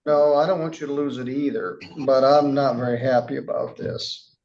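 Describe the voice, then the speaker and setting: A man speaking as a judge to a defendant in court, calm but turning angry as he sternly scolds. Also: mid-range voice, moderate pace, dull audio.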